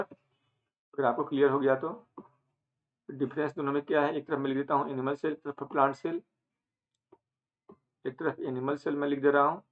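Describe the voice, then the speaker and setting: A man lecturing an online class in a voice a little above the usual pitch. He quizzes the class, answers his own questions, and stretches key terms out slowly. The sound is narrow and phone-like. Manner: asks questions and answers them himself; mixes in English terms, drawn-out slow phrases. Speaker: teacher.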